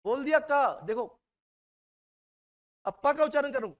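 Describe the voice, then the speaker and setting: Male teacher, high voice, classroom lecture that quizzes students. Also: expressive, a little slow. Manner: quizzes students, repeats key terms.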